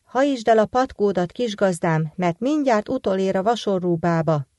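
A woman's voice: mid-range voice, lively intonation, dark tone, no echo, close to an everyday voice. A woman voicing a loyal magic talking horse from a folk tale who urgently warns his young master. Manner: urgent warning.

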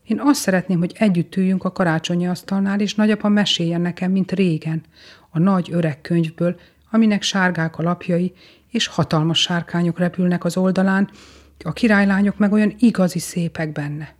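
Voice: medium pitch, fairly even intonation, lightly acted. An adult reader voicing a young boy who earnestly writes a wistful Christmas letter.

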